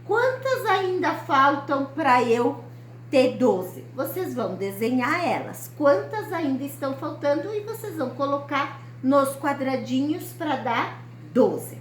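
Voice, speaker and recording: A woman teacher, giving a recorded lesson to young children and explaining each step slowly and patiently. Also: sits high, very animated. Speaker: primary school teacher. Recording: echoey room, faint ambient noise.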